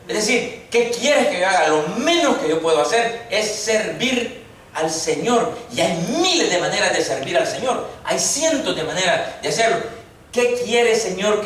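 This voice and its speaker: A man's voice: sits high, fairly bright tone, a little hiss or hum. Preaching man in an echoey church. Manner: preaching with rhetorical questions to the congregation. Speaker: pastor. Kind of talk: sermon. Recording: echoey church hall mic from far off with faint ambience.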